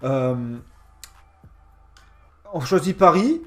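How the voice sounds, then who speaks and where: A male gaming host with a notably high voice and animated, swooping intonation. He reviews in a casual, sarcastic way, leaning on slang and mocking emphasis. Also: drawn-out words, faint music behind.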